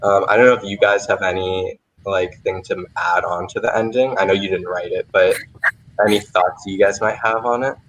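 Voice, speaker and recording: A young playwright hosts a casual Q&A over a remote video livestream, speaking in a low, steady, slightly bright voice at a moderate pace. He thinks aloud informally, leaning on "like" and "kind of," and the recording has its highs cut off.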